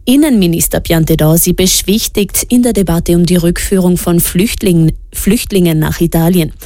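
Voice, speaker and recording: A woman reading the radio news in a steady, measured way. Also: fairly low pitch, dry recording, clean studio sound. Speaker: news presenter. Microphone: studio microphone.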